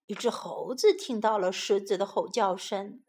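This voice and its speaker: A woman teacher narrating a children's story in a slow, gentle storytelling manner. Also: medium pitch.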